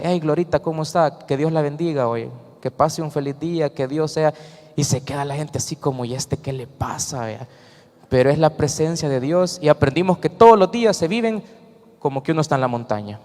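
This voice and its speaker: Salvadoran man, slightly high voice, earnest church testimony, reverberant hall. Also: fairly quick, a little mellow. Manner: earnest, storytelling with acted quotes. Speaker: church member giving testimony. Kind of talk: emotional personal testimony to a congregation.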